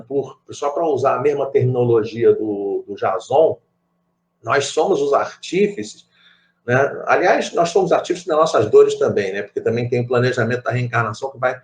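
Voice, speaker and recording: A middle-aged man with a Rio de Janeiro accent leading a spiritist study group, telling stories with many asides and repeated phrases. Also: mid-range voice. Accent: Rio de Janeiro Portuguese. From Brazil. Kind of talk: conversational group study talk.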